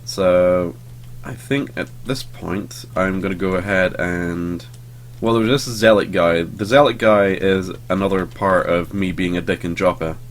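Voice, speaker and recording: Low-pitched and measured in pace, a young let's play host just over a cold talks loosely through his gameplay. Drowsy and meandering, he leans on fillers like um and swears without much thought, while a faint hiss or hum sits underneath.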